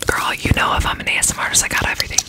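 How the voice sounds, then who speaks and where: A young woman whispers ASMR into a close desktop microphone. Her voice is breathy and almost entirely unvoiced. She repeats short trigger words and phrases again and again. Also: rapid-fire. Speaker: ASMR streamer. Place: small room indoors.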